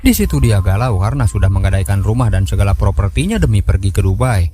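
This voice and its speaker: A man's voice: fairly low pitch, lively intonation, quick pace. A man giving a scripted storytelling narration of a film recap. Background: background music.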